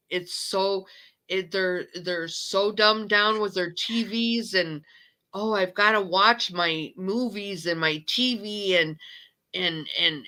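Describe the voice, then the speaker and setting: Woman host, emotional slow rant, bright tense tone, lots of restarts. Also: mid-range voice, poor audio. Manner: ranting, repeats itself and restarts sentences. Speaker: channel host. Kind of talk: impassioned monologue on a live chat.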